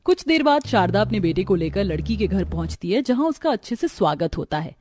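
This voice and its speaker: A woman narrating a scripted animated family story in an expressive way. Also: medium pitch, brisk, slight background noise.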